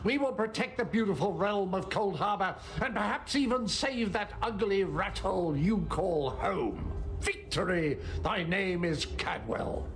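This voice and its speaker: Cadwell, a wildly swooping, eccentric knight. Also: male voice, high-pitched, lively intonation, unhurried, a bit bright, slight background noise, full character voice. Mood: exuberant, grandiose. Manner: flamboyant, grandiloquent, theatrical. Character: eccentric, jolly, chivalrous old-fashioned knight. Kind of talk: video game character acting.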